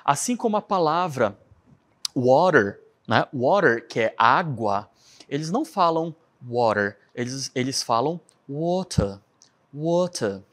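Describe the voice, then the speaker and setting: A man's voice: fairly high pitch, unhurried. A Brazilian man with a Brazilian Portuguese accent, teaching a chatty English lesson and checking in often with his class. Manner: chatty, animated, keeps checking in with "né?".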